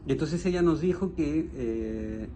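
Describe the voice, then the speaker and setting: Fairly high-pitched, expressive and mellow, this man in his 50s speaks a little slowly as a guest writer reflecting on a novel. He chats about the book and frequently hunts for the right word, with noticeable background ambient noise in the recording.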